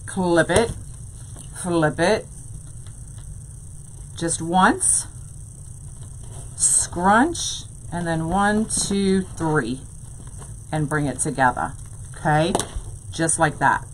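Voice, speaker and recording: A woman hosts a live wreath-making tutorial from a craft room lined with ribbon shelves, chatting as she works, saying "y'all" and answering viewers' live chat. Her voice is lowish, and the poor audio carries a little hiss or hum.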